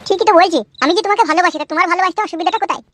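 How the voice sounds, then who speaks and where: A woman's voice: very high-pitched, very fast, fairly bright tone, a little hiss or hum. A woman voicing a pushy, lovesick village man in a comedy cartoon, wheedling and crude.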